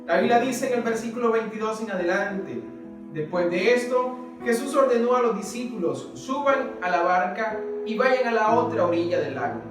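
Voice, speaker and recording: A man with a fairly high voice preaches with earnest, measured emphasis. He sounds far from the mic in a very echoey room. Gentle guitar music plays behind him. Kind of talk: sermon with Bible reading. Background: soft guitar music.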